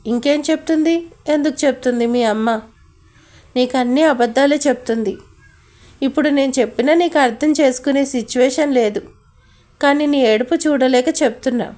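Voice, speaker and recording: A woman reads a spiteful middle-aged villainess from a spoken storybook, her high voice sneering and harsh as she taunts. The scorn is cold and cutting, and the reading stays in the narrator's own natural tone. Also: darkish tone, lightly acted. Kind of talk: audio story role-reading.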